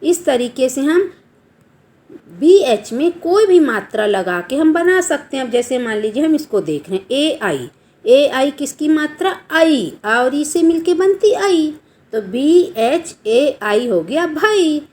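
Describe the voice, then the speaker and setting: Slow, lively-voiced woman teacher. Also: high-pitched. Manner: slow, spells out letters, quizzes the students. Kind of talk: classroom grammar lesson for children.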